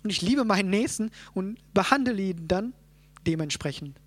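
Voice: mid-range voice, lively intonation, normal speed. A Bible teacher explaining scripture to a group, often checking in with "ja?" and thinking aloud with fillers and restarts. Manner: checks in with listeners, frequent "ja?".

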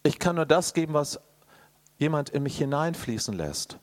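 A man preaching a sermon, addressing the congregation directly and swinging between loud emphatic bursts and quiet, intimate asides. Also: on the high side, animated, moderate pace. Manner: addresses the listener directly and personally.

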